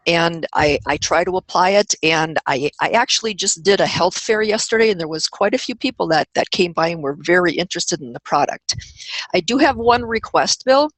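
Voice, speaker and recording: A woman's voice: lowish voice, lively intonation, normal speed, no room sound, low-quality recording. A woman chatting on an online business call, eager and playful. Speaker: webinar participant. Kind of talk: casual online meeting talk.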